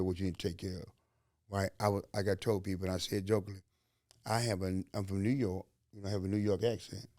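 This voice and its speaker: This Alabama podcast host speaks with a Southern accent, delivering motivational talk that is folksy and sermon-like, with plenty of slang and rhetorical questions. His fairly low voice carries a darkish tone. The audio is clean studio sound with a dry quality.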